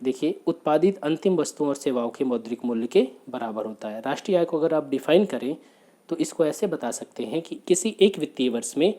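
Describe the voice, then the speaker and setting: A man walks through exam questions one after another, asking rhetorical questions and then answering them himself. His voice is mellow and dark, with a steady mid pitch. He keeps a brisk, repetitive teaching rhythm. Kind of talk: exam question walkthrough lecture.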